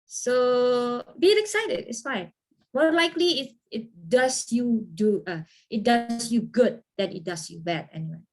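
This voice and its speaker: Woman, trainer, slightly high-pitched, lively, encouraging, video call. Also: a little slow. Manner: lively, encouraging, asks listeners to confirm. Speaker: trainer answering questions. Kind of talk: online training talk and Q&A.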